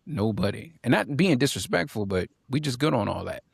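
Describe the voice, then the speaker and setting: This is a man co-hosting a podcast panel, speaking with plenty of rise and fall in his voice. His tone has a gravelly edge, and the recording is dry and close with no room sound. He talks emphatically and repeats lines for punch. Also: medium pitch, big pitch swings, fairly quick, no echo. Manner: reads viewer comments aloud and laughs. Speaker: podcast co-host. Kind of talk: casual panel discussion.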